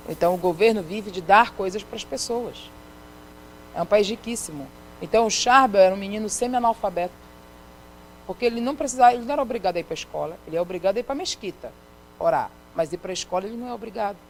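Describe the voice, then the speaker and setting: A woman's voice: mid-range voice, quick pace, low-quality recording. Middle-aged Brazilian woman, missionary sermon, storytelling with acted-out dialogue, mid-range voice, faint hum behind. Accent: Brazilian Portuguese. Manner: retells a story, acting out the quoted dialogue. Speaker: missionary preacher. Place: church sanctuary.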